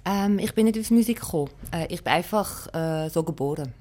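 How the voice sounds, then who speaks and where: A woman from Belgium and Luxembourg, a musician who teaches piano and singing, answers questions in a conversational radio interview. Her voice is lowish, expressive and mellow, a little fast, and her tone reflective and matter-of-fact.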